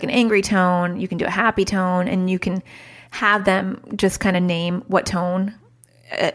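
A woman in her thirties talks through a solo parenting podcast in a loose, chatty way. She drifts off track, leans on filler words, and keeps the advice plain and practical. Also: medium pitch. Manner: chatty, wanders off track, lots of "like" and "super". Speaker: podcast host, child therapist.

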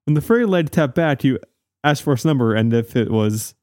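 A man's voice: medium pitch, expressive, a little fast, darkish tone, dry recording, clean studio sound, natural voice. A man playing an earnest, insistent TV news investigative reporter in a mock-serious parody report. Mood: probing.

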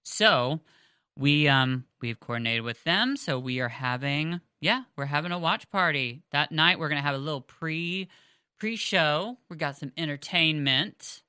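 A woman co-hosts a podcast in a chatty, rambling style full of fillers and restarts, her low voice animated, sharp and smooth at a measured pace. She wears headphones on a close mic, with studio-quality sound and no room noise.

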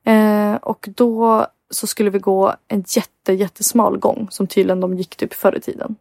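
A woman's voice: medium pitch, creaky, dry recording, clean studio sound. A young woman co-hosting a casual podcast, telling a story with lots of filler words and acting out what people said. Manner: animated storytelling, heavy filler words, acts out quotes. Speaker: podcast co-host.

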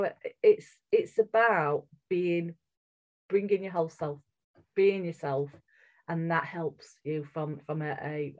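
In muffled, lo-fi audio, a middle-aged woman from England with a strong northern English accent speaks as a podcast interview guest. She is earnest and candid, restarting often. Her voice is lowish and a little mellow.

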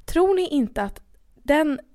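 A young woman from Sweden, co-hosting a podcast and telling an embarrassing story in casual, animated chat. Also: high-pitched. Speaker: podcast co-host.

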